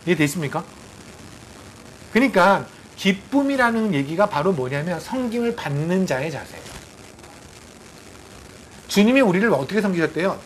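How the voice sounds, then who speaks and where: A man with a high voice delivers a sermon as a missionary preacher. He talks conversationally, acting out quotes and firing off rhetorical questions at his listeners. Faint noise hums behind him. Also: low-quality recording.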